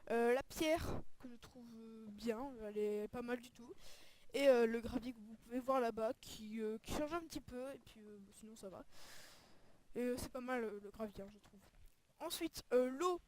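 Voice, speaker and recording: Hesitant young-sounding woman, slightly high. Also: moderate pace, darkish tone. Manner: hesitant, often searching for words. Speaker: video creator presenting a game texture pack. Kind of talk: casual screen-recorded commentary.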